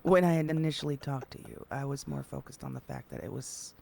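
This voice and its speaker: A man in an in-character roleplay conversation, speaking in a measured way and sometimes dropping to a hushed whisper. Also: mid-range voice, gravelly, slight background noise. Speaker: roleplay player.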